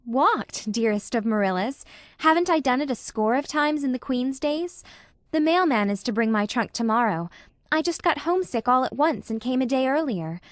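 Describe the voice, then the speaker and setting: A woman voices a dreamy, romantic young woman for an audiobook, gushing in a lyrical way at a pitch above her own. Her voice sits high with lively intonation at normal speed, recorded dry in studio quality.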